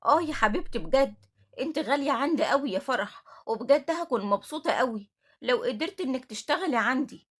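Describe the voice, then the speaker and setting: Woman voicing an older orphanage matron, Egyptian accent, firm and quick, husky. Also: high-pitched, animated. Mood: tender. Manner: firm, scolding. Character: stern, motherly older woman who runs an orphanage.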